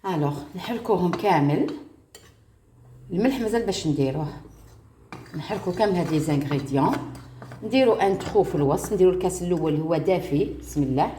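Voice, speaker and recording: A woman's voice: on the low side, warm tone, roomy sound, slight background noise. A woman with an Algerian Arabic accent, chatting with viewers as she cooks at home and mixing French words into her talk. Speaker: cooking vlogger. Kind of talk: casual cooking tutorial.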